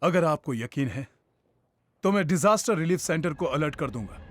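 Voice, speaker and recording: An actor dubbing a cautious male politician who speaks in a guarded, measured way about a risky decision. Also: fairly high pitch, animated, no room sound, clean studio sound, natural voice. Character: cautious male politician weighing his career. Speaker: dubbed film character, prime minister. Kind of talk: Hindi film dub acting.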